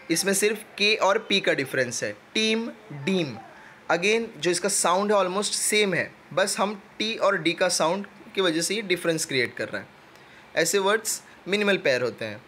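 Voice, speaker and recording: A man's voice: sits high, bright, forceful tone, slight background noise. Man teaching an exam-prep lecture. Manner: explains step by step, reads English definitions slowly.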